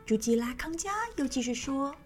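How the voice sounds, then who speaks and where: A woman's voice: high-pitched, normal speed, slightly rough. A woman narrating a children's story in a sing-song manner, speaking to young listeners. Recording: faint background music.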